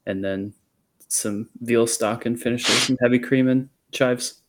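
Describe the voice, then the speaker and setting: A man's voice: mid-range voice, fairly even intonation, measured pace. A young man co-hosting a podcast in casual chat, teasing the others with dry humor. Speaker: podcast co-host.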